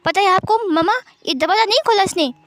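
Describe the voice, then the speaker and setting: A woman voicing a clingy little boy who whines and pleads in drawn-out words. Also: extremely high pitch, fairly bright tone, dry recording, pitched above the performer's own voice. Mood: whiny pleading. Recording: faint background music.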